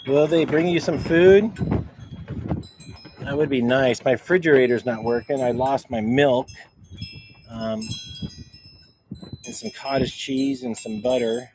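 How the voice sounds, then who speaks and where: A man walking around outdoors on his property, casually showing things off to a handheld camera in a halting, rambling way that keeps repeating words. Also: medium pitch, darkish tone, low-quality recording. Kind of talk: casual rambling show-and-tell. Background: faint wind noise.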